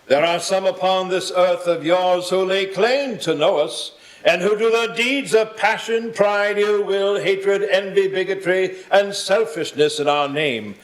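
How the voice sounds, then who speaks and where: A man playing the Ghost of Christmas Present, a solemn spirit guide, in a measured, formal, declamatory manner for a live radio play. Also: sits high, low-quality recording. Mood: stern.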